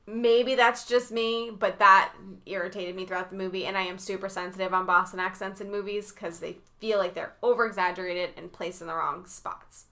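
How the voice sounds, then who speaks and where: A woman co-hosts a casual chat in a mixed southern Massachusetts and Rhode Island accent. Her voice is bright and crisp, and she rambles along with plenty of ums and likes. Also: medium pitch, steady tone, normal speed, few pauses. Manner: chatty, many fillers like "um" and "like". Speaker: podcast co-host.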